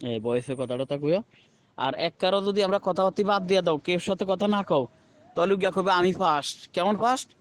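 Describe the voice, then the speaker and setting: A man's voice: high-pitched, fast. Rambling, pleading man. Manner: rambling, pleading, repeats himself. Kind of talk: personal voice message.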